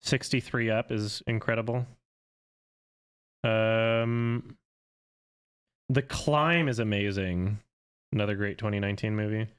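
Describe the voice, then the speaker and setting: A man's voice: fairly low pitch, clear, resonant tone. A man in his thirties from Canada, a film critic chatting casually on a live stream with a sarcastic, joking manner. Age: 30s. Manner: sarcastic, quick to joke.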